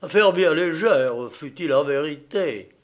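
A man's voice: a little high, measured pace, highs cut off, lightly acted. A man reading an audiobook, voicing a proud, anguished grown son who pleads urgently. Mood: forced ease.

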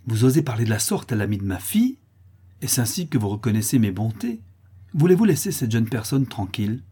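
A man's voice: mid-range voice, very animated, a little fast, mellow, breathy edge. A man voicing a proud farm mistress and mother, exclaiming in indignation, for a storybook reading. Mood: alarmed.

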